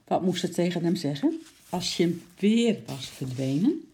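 A storyteller reading a children's story aloud in a calm, steady narration. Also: mid-range voice, a little slow, creaky, husky.

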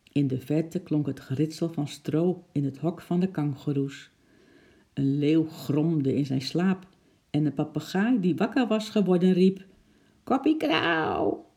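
A narrator reading a children's story aloud in a calm, unhurried way. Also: mid-range voice, creaky.

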